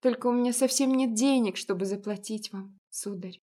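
A woman's voice: fairly high pitch, normal speed, lightly acted. A woman reading a shy young mother. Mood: timid, grateful. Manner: soft and timid. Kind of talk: audiobook reading.

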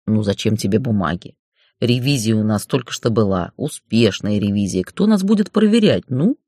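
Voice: mid-range voice, animated, moderate pace, warm tone, slightly rough, no echo, clean studio sound, voice pushed down. A narrator voicing a crude, foul-mouthed middle-aged male boss who bullies and mocks in an audiobook. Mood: wheedling. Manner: bullying, swearing, mocking. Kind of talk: audiobook character voice.

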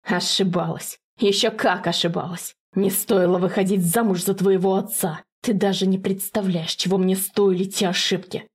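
Woman playing a hoarse, hissing dark sorceress. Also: mid-range voice, little pitch movement, moderate pace, hardly any pauses, lightly acted. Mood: menacing. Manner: hissing, commanding, menacing. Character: hoarse cold scheming sorceress mother, older woman.

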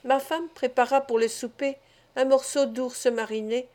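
A woman narrating a classic adventure novel as an audiobook reader, measured and even. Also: sits high. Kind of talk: scripted narration.

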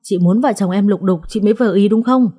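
A woman's voice: mid-range voice, quick pace, dark tone, close to an everyday voice. A woman voicing a young husband who firmly defends his wife, in a storybook reading. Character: young husband, calm then angry.

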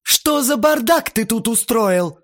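A man's voice: normal speed, fairly bright tone. A man voicing a hysterical, shrieking middle-aged aunt in an audiobook. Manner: shrill, hysterical.

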